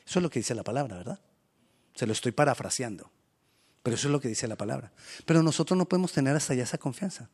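A man preaching a sermon as pastor, animated and acting out quoted voices. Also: mid-range voice, racing, slightly rough.

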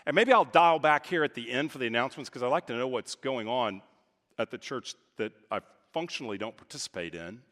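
A man from Texas delivers a sermon in a church sanctuary, his mid-pitched voice rising into emphatic declarations and dropping to quiet, conversational asides. The sound carries a long reverberation from the large hall around him. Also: expressive, brisk. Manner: preaching with emphatic swings in pitch and volume. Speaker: pastor.

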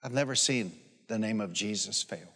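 His voice is on the low side, sharp in tone and slightly rough, at a moderate pace. He's a sixty-seven-year-old pastor giving a folksy, emphatic live sermon with repeated phrases, personal anecdotes, and calls for amen, recorded with long reverb in a large hall or church.

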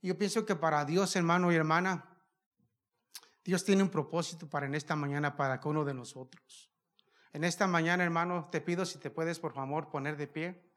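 High-voiced fervent preacher. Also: male voice, fairly even intonation, a little fast, a bit bright. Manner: fervent, asks the congregation many rhetorical questions. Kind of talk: sermon. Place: church service.

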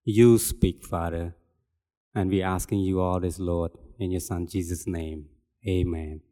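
An older man from Cambodia with a Cambodian accent, giving an earnest, halting testimony sermon as a lay preacher. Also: low voice, fairly even intonation, dark tone. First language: Khmer. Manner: earnest, halting, plainspoken with repetitions. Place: church hall. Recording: long hall reverb.

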